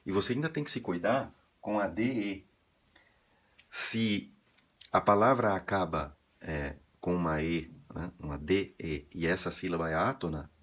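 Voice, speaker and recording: A Brazilian man giving a casual pronunciation lesson, chatty and full of "né" and "tá", slowly sounding out syllables. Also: low voice, slightly rough. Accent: Brazilian Portuguese. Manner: chatty, drawn-out slow demonstrations of syllables, frequent "né" and "tá". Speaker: Spanish pronunciation teacher.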